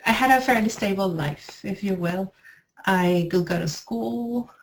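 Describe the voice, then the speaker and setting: A woman from Venezuela, an editor and language teacher, speaking in an interview in a clear, measured way. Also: mid-range voice, a little hiss or hum, poor audio. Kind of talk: interview self-introduction.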